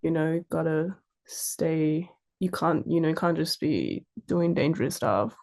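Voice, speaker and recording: Speaking with an Australian accent, this young adult from Sydney is a fashion model telling informal stories as a casual interview guest. Her low voice is gravelly and a little mellow, and she takes her time.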